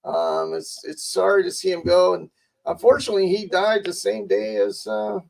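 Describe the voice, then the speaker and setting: A man's voice: high voice, very animated, normal speed, vocal fry, darkish tone, rough recording. A man co-hosting a podcast, telling a chatty anecdote with many fillers. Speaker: podcast co-host. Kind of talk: casual storytelling.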